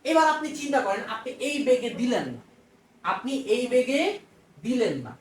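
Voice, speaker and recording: A high-pitched woman with a Bangladeshi Bengali accent explains physics in a casual, talkative lecture. She repeats her phrases and answers her own questions. Her voice sits a little away from the mic in an echoey room. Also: very animated, normal speed, far from the mic, slight background noise. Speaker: physics teacher. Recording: roomy echo, off-mic.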